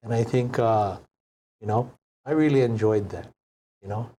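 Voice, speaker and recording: A man in his sixties from Hawaii, a chef guest telling stories in an unhurried, reflective way in a studio interview. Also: fairly low pitch, dark tone, slight background noise. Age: 60s. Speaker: chef and restaurant owner guest. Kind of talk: casual interview storytelling.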